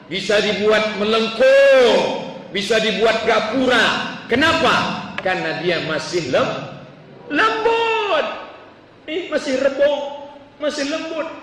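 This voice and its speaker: A man preaching a sermon, telling stories and acting out the people in them in an animated way. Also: sits high. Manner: animated, acts out voices of people in his stories. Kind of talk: sermon with storytelling. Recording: echoey hall, voice from far off, faint noise.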